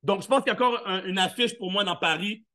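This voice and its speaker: On a live event stage, a motivational speaker gives a playful, interactive talk, firing questions at the crowd and acting out little scenes. His voice is high-pitched, quick, pushed and bright.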